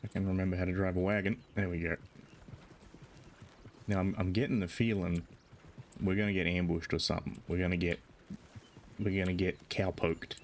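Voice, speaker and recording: A man's voice: sits low, level tone, a little fast, long pauses, a little hiss or hum. A man giving chatty, jokey commentary while livestreaming a video game. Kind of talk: casual gaming commentary.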